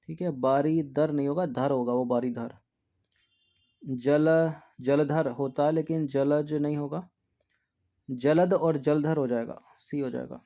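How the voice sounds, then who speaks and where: In this exam practice lesson, a man says words repeatedly to drill spelling and tends to murmur a soft, low aside after every answer. His intonation stays fairly even and his pace slow, with dull-sounding audio.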